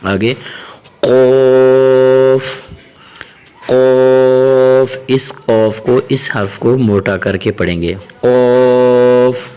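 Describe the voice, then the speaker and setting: A man with a Pakistani Urdu accent teaching Arabic letters, drawing out each letter name slowly between quick explanations. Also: lowish voice, soft background music. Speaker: Quran teacher. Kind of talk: letter-by-letter pronunciation lesson.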